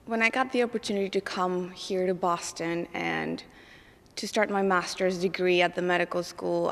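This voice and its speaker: A woman's voice: on the low side, big-room sound. A woman from Mexico, a graduate student, speaking carefully and earnestly about why she took a course. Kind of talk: recorded student testimonial.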